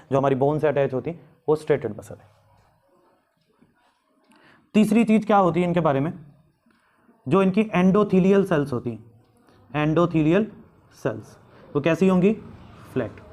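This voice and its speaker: A man's voice: fairly high pitch, darkish tone. A man teaching biology, asking questions aloud and answering them himself, drawing out key terms. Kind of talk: classroom lecture.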